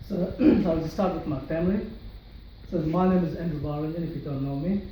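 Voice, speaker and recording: With a fairly high voice and a slightly fast delivery, a young man from Sri Lanka earnestly tells his personal story to an audience in a large room, stumbling into restarts and fillers. Background noise and the echo of the hall make him sound distant.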